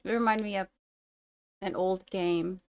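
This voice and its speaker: A woman's voice: medium pitch, steady tone, a little slow, smooth. A young woman hosting a first-time movie reaction, musing aloud and gasping and exclaiming as she watches. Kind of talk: casual movie reaction commentary.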